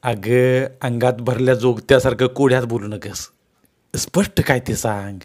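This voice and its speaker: A man's voice: mid-range voice, steady tone, normal speed, darkish tone, natural voice. A man voicing an eager young village husband with a rural Marathi accent.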